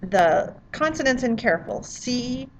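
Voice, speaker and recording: A woman's voice: a little high, animated, measured pace, slight background noise, low-quality recording. A woman French teacher giving a friendly, chatty pronunciation lesson to students.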